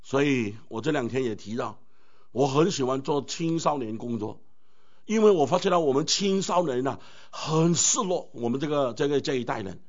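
A man preaching a sermon as a pastor, animated and full of rhetorical questions to the congregation. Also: mid-range voice, normal speed. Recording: dull lo-fi recording.

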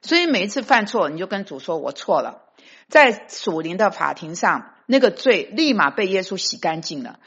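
Woman, preacher, sermon, emphatic, slips in English phrases, husky voice, muffled recording. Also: on the low side, very animated, normal speed, fairly bright tone. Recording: dull lo-fi recording.

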